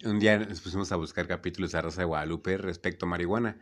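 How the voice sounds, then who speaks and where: Speaking very fast in a low-pitched voice, a young man with a Mexican Spanish accent chats casually, telling funny stories. He's animated, laughs, and performs the voices of his characters; a little hiss or hum sits under the recording.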